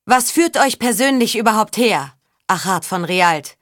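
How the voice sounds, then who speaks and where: A woman's voice: mid-range voice, lively intonation, a little slow, fairly bright tone, no room sound, clean studio sound. A woman reading the part of a resolute young female leader in an audiobook, speaking firmly.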